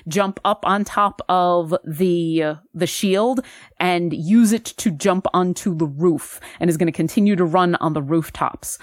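A woman narrates as game master in a tabletop game, describing scenes at length with a lower voice. The sound is dry and close, with no room echo. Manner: descriptive, with frequent fillers and restarts.

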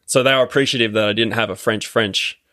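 A man's voice: on the low side, steady tone, fast, pushed and bright, no echo, studio quality. A man with an Australian accent, a podcast guest chatting casually and hesitantly, with many ums and restarts. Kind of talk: casual interview chat.

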